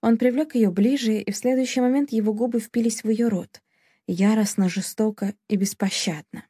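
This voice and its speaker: A woman narrates an audiobook in a steady, dramatic storytelling manner. Her voice is dark and mellow. The recording is close and dry. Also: fairly high pitch, normal speed, slightly rough, no room sound. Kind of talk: scripted narration.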